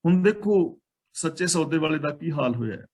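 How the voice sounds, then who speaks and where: Man, Punjabi accent, scripture teacher, verses recited slowly then explained, fairly high voice. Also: animated, a little mellow. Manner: slowly intones each verse, then explains it in plain talk; mixes English words into his explanation. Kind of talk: line-by-line explanation of Sikh scripture.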